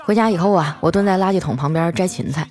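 Over background music, a woman streaming host tells funny everyday stories in a chatty monologue, stretching out her sentence-final particles. Her voice is on the low side with a darkish tone.

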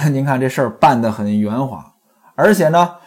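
Lively male storyteller, chatty. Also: mid-range voice, moderate pace, slightly rough. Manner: chatty, addresses listeners directly. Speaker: storyteller and commentator. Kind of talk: storytelling commentary on a classic novel.

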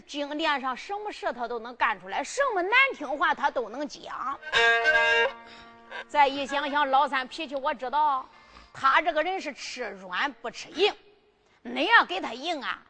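Brief: female ballad storyteller, sung and spoken narration, bright high tone, light instrumental backing. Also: animated, soft background music. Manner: drawn-out sung phrases with exclamations.

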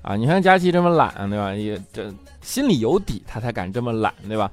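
In a brisk stand-up monologue, a male comedian host tells chatty stories and keeps turning to the audience with "right?" His mid-range voice swings widely in pitch, and soft music plays behind him.

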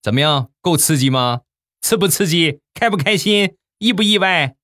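A man's voice: on the high side, expressive, normal speed, background noise, pitched above the performer's own voice, natural voice. A man voicing a prankish young woman who teases her best friend in a gloating way. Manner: teasing, gloating.

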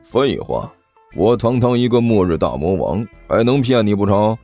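A bored, boastful demon overlord drawls in a lower, dismissive voice, as a male storyteller puts him on. He brushes off whatever he hears and brags without effort. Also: big pitch swings, normal speed, warm tone, soft background music. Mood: smug. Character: lazy, smug male demon king.

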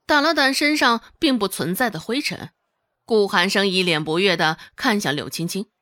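In studio-quality audio with no room sound, a female audiobook narrator reads a serialized novel. Her mid-range voice moves at a moderate pace, and her storytelling is expressive.

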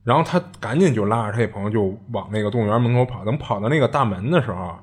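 A man's voice: fairly low pitch, animated, fast talker, husky. A man telling a strange tale in a chatty, rambling podcast style. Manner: chatty, rambling, many fillers and restarts. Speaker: podcast host. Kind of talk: casual storytelling.

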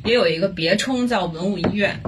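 A woman's voice: medium pitch, a little fast, a loud crowd. A woman from Beijing with a colloquial Beijing accent and some mixed influences, chatting casually as an interview guest. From Beijing, China. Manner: informal Beijing colloquial speech. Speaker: guest, visual artist. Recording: faint background noise and room ambience.

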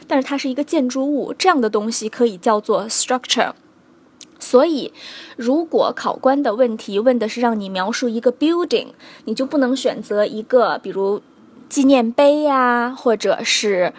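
A young adult woman teaching English vocabulary in Mandarin, mixing in English examples and patiently checking in with her students. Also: fairly high pitch. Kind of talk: recorded language lesson.

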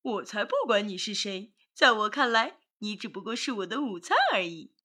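A woman voicing a calm, indifferent hungry spider in a children's storybook, offhand and unbothered. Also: medium pitch, moderate pace, breathy edge. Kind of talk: storybook narration.

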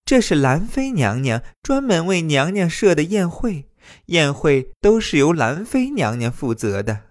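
An actor playing an obsequious palace eunuch in an audio drama, reporting in a fawning manner. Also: male voice, a little high, big pitch swings, unhurried, no room sound, clean studio sound.

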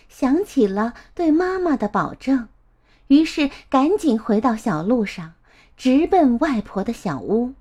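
A woman narrating a children's story in a gentle, expressive way. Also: a little high, breathy edge.

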